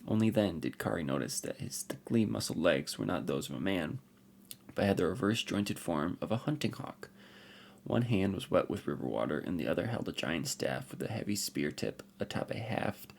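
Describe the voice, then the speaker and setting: Deep gravelly man reading a fantasy tale. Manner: expressive, unhurried reading. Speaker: podcast host reading fantasy lore. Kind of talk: storybook narration.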